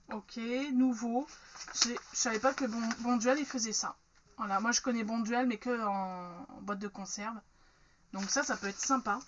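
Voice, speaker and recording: A woman's voice: a little high, a bit bright, dull audio, a little hiss or hum. A woman chatting frankly through an unboxing, with many fillers. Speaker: unboxing vlogger. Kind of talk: casual unboxing chat.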